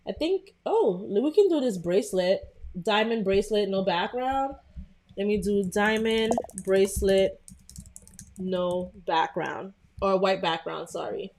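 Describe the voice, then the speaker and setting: A young woman from Brooklyn, New York, with a Brooklyn accent hosts a casual live design tutorial in a medium-pitched, slightly mellow voice. Chatty and full of fillers, she greets her viewers.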